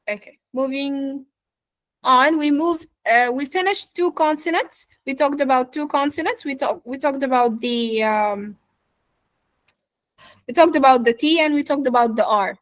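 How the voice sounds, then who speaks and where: Woman accent coach on a video call, higher voice, unhurried, dry close sound, constant "okay?" check-ins. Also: a bit bright. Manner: checks in with "yeah?" and "okay?" after nearly every phrase; repeats model words slowly for students to echo. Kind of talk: live online pronunciation lesson.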